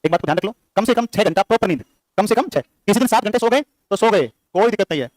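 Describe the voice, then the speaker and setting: A male teacher lectures a class at a very fast clip, his voice pitched high. He keeps firing the same questions back at the students. The sound is close and dry. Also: expressive, dry recording. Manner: rapid, repetitive quizzing of students. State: short on sleep.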